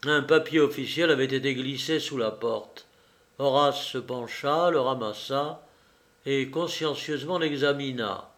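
A man narrating a novel as an audiobook in a measured, deliberate storytelling manner. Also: mid-range voice, fairly bright tone.

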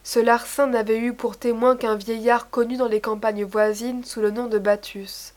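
A woman reading a classical myth aloud in a measured, formal storytelling manner. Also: on the high side, little pitch movement, darkish tone. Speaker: narrator. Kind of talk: scripted narration of a myth.

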